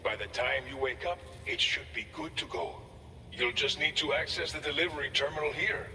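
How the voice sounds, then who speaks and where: An actor playing an earnest, grateful outpost staffer in a video game, speaking in a measured, formal way from a distance with reverb. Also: male voice, on the high side, sharp tone. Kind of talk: scripted video game dialogue. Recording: distant, long reverb, faint noise.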